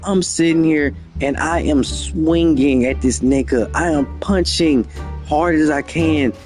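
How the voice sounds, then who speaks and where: A man's voice: on the high side, a little slow, over music. A young man telling a story from his own life, with lots of slang and profanity, acting out the dialogue himself. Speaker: storyteller, channel host. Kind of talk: casual storytime monologue.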